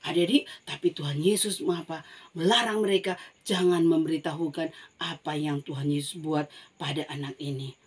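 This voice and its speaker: A woman telling a Bible story to children in an animated way, often calling out to them as she goes. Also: sits low, moderate pace, slightly rough. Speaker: Sunday school teacher.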